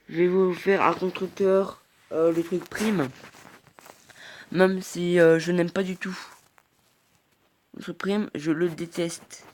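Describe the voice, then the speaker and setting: Casual gameplay commentary, rambling, hesitant, reacting aloud, middle-pitched voice. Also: darkish tone, slight background noise. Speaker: mobile game player.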